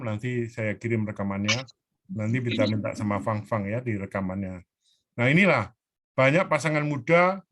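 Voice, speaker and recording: A man, a pastor teaching a parenting class over a video call, earnest and animated, acting out children's pleas. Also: mid-range voice.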